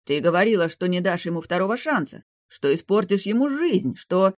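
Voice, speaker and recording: A woman's voice: on the low side, very animated, moderate pace, dry recording, clean studio sound, voice pushed up. A woman voicing an arrogant, indignant young nobleman, the jilted ex-fiancé, in an audiobook.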